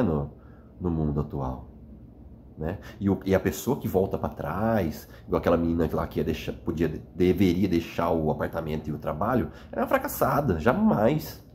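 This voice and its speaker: Earnest, rambling man with a lowish voice. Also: darkish tone, a little hiss or hum. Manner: earnest, rambling, frequent "né?" tags. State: weary after crying. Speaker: vlogger. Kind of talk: emotional reflective monologue. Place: indoors, at night.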